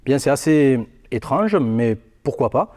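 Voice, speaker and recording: A man's voice: medium pitch, lively intonation, unhurried, a little mellow. A man presenting a mock broadcast in a polished, anchor-style delivery. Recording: faint music behind.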